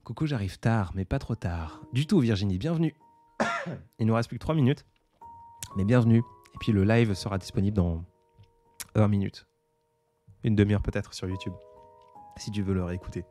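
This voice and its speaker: Deep and warm-voiced, a man in his twenties runs a casual live stream, responding to viewer comments in a halting, thoughtful way full of fillers.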